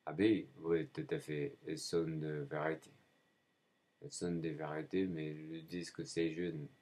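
A man in a rambling spoken monologue, halting often and repeating himself as if answering his own questions. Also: extremely low pitch, flat delivery, a little mellow. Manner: halting, frequent hesitations.

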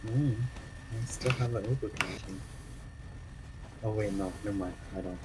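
A man's voice: lowish voice, normal speed. A man casually discussing tactics with his speedrun team over voice chat. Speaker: speedrunner playing a team shooter. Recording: slightly noisy gaming mic.

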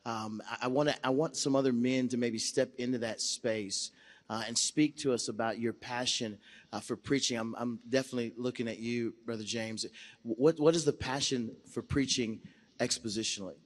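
A man moderating a panel on a conference stage, speaking into a handheld mic in a large hall, relaxed and repeating words as he frames questions. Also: medium pitch, normal speed.

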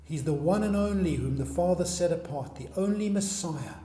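A pastor delivers a sermon in an echoey hall, pressing his listeners with one earnest question after another. His voice is a little high with a dark tone, and he speaks at a normal speed.

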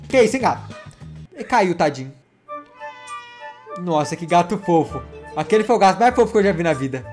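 Man, high voice, excitable, playful, channel host reacting to clips, faint background music. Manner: excitable and playful, teasing himself and his pets. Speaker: YouTube gaming host. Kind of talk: reaction commentary on funny cat clips.

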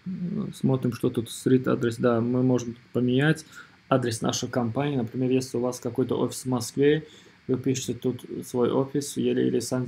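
A man narrating an informal screen tutorial as its presenter, in a hesitant, halting way, often repeating himself. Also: medium pitch, vocal fry, warm tone, breathy edge. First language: not Russian or rusty Russian speaker living abroad.

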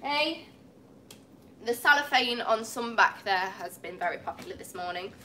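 With a cold and a phone on a tripod, a young English woman livestreams a casual chat from an indoor cat cafe that has large windows. Her fairly high voice is animated and sharp in tone, at a moderate pace, and she frequently laughs and says sorry. There is slight background noise.

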